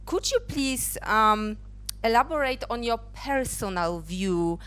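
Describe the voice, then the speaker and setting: Woman moderator from Poland, smooth clear voice, hesitant phrasing, handheld mic. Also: on the high side, expressive, fairly bright tone. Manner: halting, filler-heavy questions. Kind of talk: moderating a panel. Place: conference stage.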